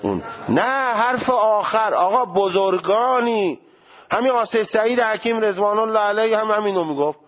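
A man's voice: sits high, expressive, fairly bright tone, highs cut off. A male seminary teacher giving a jurisprudence lecture, questioning his students and sounding out pronunciations as he goes.

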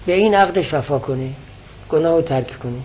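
Slight background noise sits under this lecture on a religious text. The teacher, a man with a slightly high, darkish voice, goes through word meanings patiently and returns again and again to the main definitions.

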